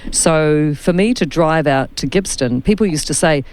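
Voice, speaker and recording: A woman radio host chatting easily with her guests, leaning into personal stories. Her voice is smooth and resonant, with an even, clear delivery. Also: low voice, normal speed. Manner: chatty, anecdotal storyteller. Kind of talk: casual radio chat.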